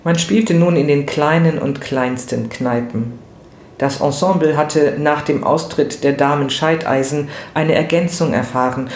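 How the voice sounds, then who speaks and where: A man reading literary prose aloud in a measured, expressive way. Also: on the high side. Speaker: reader. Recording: roomy with faint noise.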